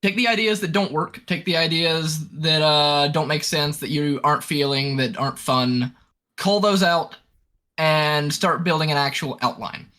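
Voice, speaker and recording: A man with a fairly high, bright and forceful voice, talking casually on a voice call. He explains things bluntly and with emphasis, pushing his points with energy. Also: unhurried. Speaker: writing advice speaker.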